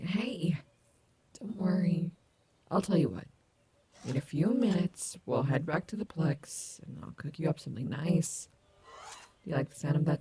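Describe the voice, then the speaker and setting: Casting: woman as short-tempered female robot wolf, sarcastic but caring, widely swinging pitch, audible noise behind. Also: warm tone, full character voice. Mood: soft, comforting. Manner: sarcastic, exasperated. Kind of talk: audio roleplay acting.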